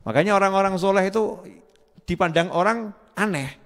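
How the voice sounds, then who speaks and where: A man's voice: sits high, fairly quick, creaky, long reverb tail. A man preaching a sermon, asking the crowd questions and answering them himself, repeating key words and chanting Arabic phrases.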